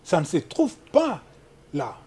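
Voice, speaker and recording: A husky, mellow-toned man, talking as a lawyer in a studio interview. He explains in a measured, lecturing way, with a lively rise and fall in his pitch. He cites article after article. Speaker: human rights lawyer guest.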